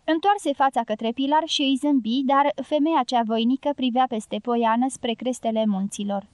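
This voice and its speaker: A woman's voice: sits high, darkish tone, no echo. Woman narrating a novel, dry close sound. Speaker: audiobook narrator.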